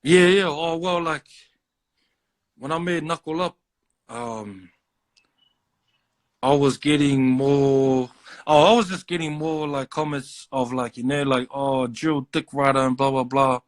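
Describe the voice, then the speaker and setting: A man's voice: on the high side, a little slow, pauses often. A man with a New Zealand accent chatting casually as an interview guest, in loose slang peppered with like and bro. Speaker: drill rapper being interviewed. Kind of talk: casual chat.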